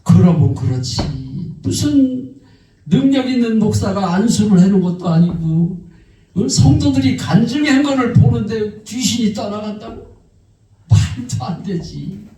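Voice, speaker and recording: A man's voice: sits high, unhurried, soft background music. A male pastor telling a testimony in a sermon, acting out the people in his story. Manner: animated, acts out quoted voices. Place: church sanctuary. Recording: echoey church hall, mic far off.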